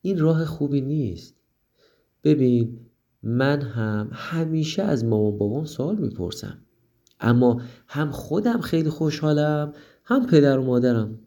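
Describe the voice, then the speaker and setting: A gentle, clever little girl from a children's storybook, her voice raised high, played by a man, patiently explaining. The voice keeps a warm, soft color. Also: expressive, highs cut off.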